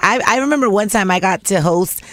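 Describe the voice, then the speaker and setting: A woman's voice: mid-range voice, lively intonation, brisk, fairly bright tone. A woman co-hosting a casual podcast, chatty and laughing easily, slipping Spanish phrases into her talk. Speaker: podcast co-host. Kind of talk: casual chat.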